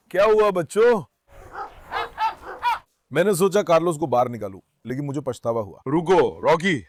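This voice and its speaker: A man vlogging on his farm with a clip-on mic, calming his dogs with soft commands and chatting to viewers. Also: fairly high pitch, no echo. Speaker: farm dog keeper and channel host. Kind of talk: casual vlog talk to camera and dogs. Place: outdoors on a farm.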